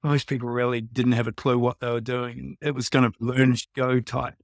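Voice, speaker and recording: A man's voice: medium pitch, little pitch movement, a little fast, no room sound, clean studio sound. A man with a New Zealand accent telling anecdotes casually as a podcast guest.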